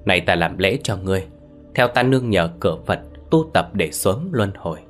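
A man voicing an old village exorcist with a hoarse voice who speaks and chants solemnly. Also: low-pitched, moderate pace, faint music behind. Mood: commanding.

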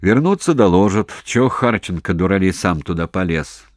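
Man reading as a composed general, gruff, low voice, steady, dry sound, audiobook. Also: normal speed, dry recording. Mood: calm, grumbling. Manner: calm, composed questioning. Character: cool-headed male general at headquarters, gruff.

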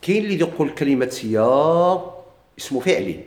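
A man with a Moroccan Arabic accent teaching Arabic grammar in a classroom lecture. He asks questions and answers them himself, and drags out his examples slowly. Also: fairly high pitch, lively intonation, a little mellow. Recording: echoey room.

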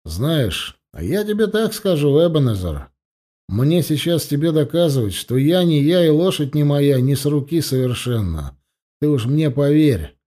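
A man reading an audiobook, voicing a calm, dry-witted male necromancer with a measured, sardonic manner. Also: a little high.

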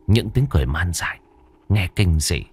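A man's voice: deep voice, animated, normal speed, a little mellow, breathy edge. A man narrating a first-person horror story for an audiobook, drawing out the eerie passages with dramatic delivery.

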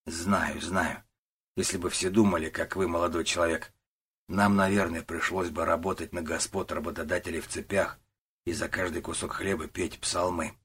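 A man doing a slow, gruff old worker. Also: deep voice, little pitch movement, heavily acted. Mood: defiant. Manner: slow, quiet and defiant. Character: stubborn old male warehouse worker, about sixty.

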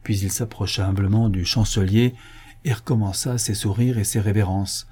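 A man reading a story aloud as narrator, in a measured, expressive manner. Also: on the low side, slightly rough. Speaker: audiobook reader.

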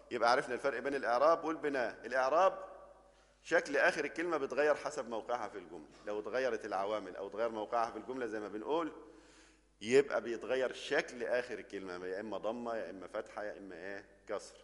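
An Egyptian man gives a grammar lesson in a classroom style, walking through each example step by step. His voice sits at an ordinary middle pitch. A long reverb from a large room trails after his words. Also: rapid-fire, a bit bright. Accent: Egyptian Arabic. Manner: explains step by step, keeps checking with the class. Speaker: Arabic grammar teacher.

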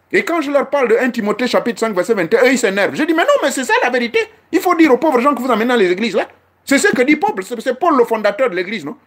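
A middle-aged man giving a preaching-style spiritual teaching, emphatic and constantly checking in with his listeners through rhetorical questions. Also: very high voice. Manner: emphatic, asks the audience frequent rhetorical questions.

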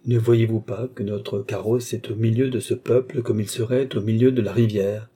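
A man reading an audiobook, voicing a haughty, scornful old baron who blusters loudly. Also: fairly low pitch, steady tone, normal speed, slightly rough.

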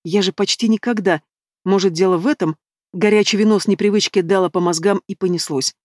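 A woman narrating a fantasy novel in the first person, in an even storytelling manner, close to the microphone. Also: medium pitch, brisk, dry recording. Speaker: audiobook narrator.

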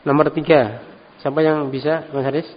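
A middle-aged man, teaching a classroom lesson in a relaxed, encouraging way and tagging his phrases with a questioning "ya". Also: on the high side, normal speed. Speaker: Arabic teacher, religious instructor. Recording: dull recording with long hall reverb and faint ambient noise.

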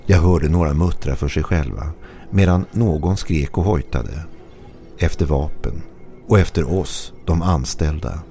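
A man with a gravelly voice reading a scripted horror story in a low, hushed, suspenseful way. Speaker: narrator. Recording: narration over faint music.

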